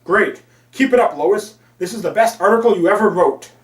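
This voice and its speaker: A man voicing a cheerful, gruff middle-aged male newspaper editor who stammers through his booming good wishes, recorded in a roomy space away from the mic. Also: normal speed, lightly acted. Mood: jovial. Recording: roomy, from a distance.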